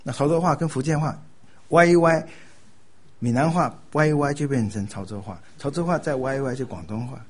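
An older man from Taiwan, giving a sermon with animated storytelling and laughing at his own jokes. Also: medium pitch, brisk.

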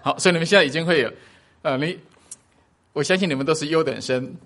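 A man's voice: on the high side, fairly bright tone. Chatty man teaching a church congregation. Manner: chatty, explaining, with fillers and little laughs; slows down to spell out Hebrew words. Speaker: preacher teaching a Hebrew song.

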